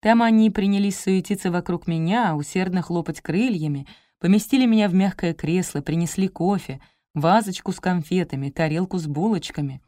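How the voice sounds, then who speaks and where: A woman narrating a comic detective audiobook in the first person, lively and expressive, on a close studio mic. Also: on the low side, fairly quick, few pauses, no room sound.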